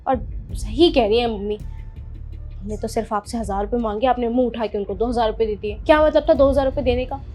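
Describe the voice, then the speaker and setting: A cocky younger sister, played by a woman, boastful and quick to side with her mother, in a high voice. Faint music plays behind her. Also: a little mellow, natural voice. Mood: siding. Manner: cocky, siding. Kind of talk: family drama acting.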